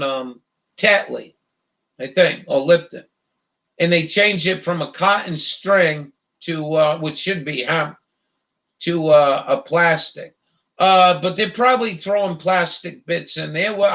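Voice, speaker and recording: A man hosts a live chat and rants, heated and profane, rambling through fillers. His voice is high and gravelly, with a bright, tense edge. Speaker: livestream host. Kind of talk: angry profane rant.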